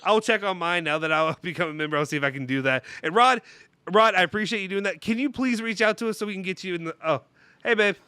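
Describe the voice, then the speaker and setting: A man's voice: high-pitched, fast, bright, forceful tone, smooth, dry recording. A man with a nasal, blocked-nose voice hosting a channel in casual, jokey, rambling live-stream chat. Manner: jokey, rambling, self-deprecating. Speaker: YouTube channel host.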